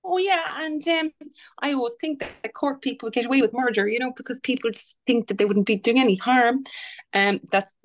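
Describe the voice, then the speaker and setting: An Irish woman with a Dublin accent appears as a guest author in a casual podcast chat. Her voice sits on the high side and moves briskly as she tells stories, laughing easily and chatting away.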